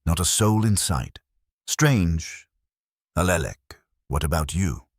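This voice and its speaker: A man voicing a gruff, snappy army sergeant who grumbles, in a dark fantasy audio story. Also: sits low, lively intonation, slow, dry recording, clean studio sound, full character voice. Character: gruff male sergeant, grumbling, swamp guide.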